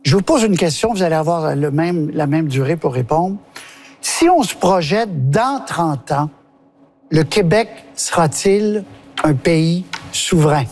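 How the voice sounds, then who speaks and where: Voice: mid-range voice, animated, a little slow, a little mellow. A debate moderator who keeps time and calls on each speaker. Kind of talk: televised political debate.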